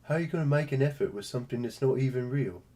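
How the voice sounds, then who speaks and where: A man's voice: medium pitch, fast talker, warm tone. A man hosting a live stream, chatting casually and joking while opening trading card packs. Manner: joking, rambling, playful.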